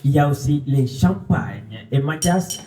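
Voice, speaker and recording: A man playing a genial celebration master of ceremonies in a drama, announcing haltingly with many pauses. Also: medium pitch, lively intonation, dark tone, close to an everyday voice. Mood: inviting.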